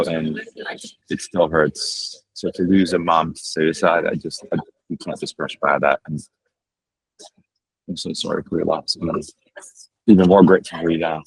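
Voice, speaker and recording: A man hosting a group video call, sharing candidly and emotionally, halting and pausing often. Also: low-pitched, flat delivery, slightly rough, no room sound, low-quality recording. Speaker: host of a morning group call.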